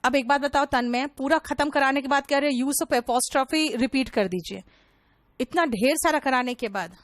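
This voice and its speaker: High-voiced woman teaching vocabulary. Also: moderate pace, dry recording. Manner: explains in Hindi mixed with English, calls students beta. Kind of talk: online class teaching.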